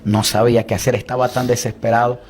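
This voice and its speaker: A man's voice: mid-range voice, flat delivery, quick pace. A young man preaching a confessional testimony in an earnest way, repeating phrases for emphasis. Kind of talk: emotional sermon testimony. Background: loud instrumental music.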